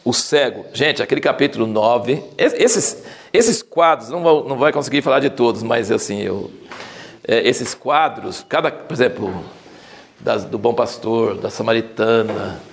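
A man giving an informal Bible study talk, telling the stories with animated acted-out quotes. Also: mid-range voice, normal speed, vocal fry. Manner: lively storytelling, acting out quoted lines. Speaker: Bible teacher.

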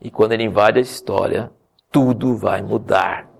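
A man preaching a sermon, telling the story with animated humor. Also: lowish voice, normal speed, creaky, slight background noise. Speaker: pastor.

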